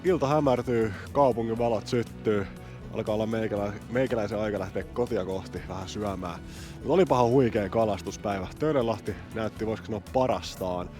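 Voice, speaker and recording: Excitable man from vlogging outdoors. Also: lowish voice, over music. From Helsinki, Finland. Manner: excitable, chatty, explaining technique. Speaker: fishing vlogger. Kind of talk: casual outdoor vlog narration. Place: outdoors on a frozen city lake.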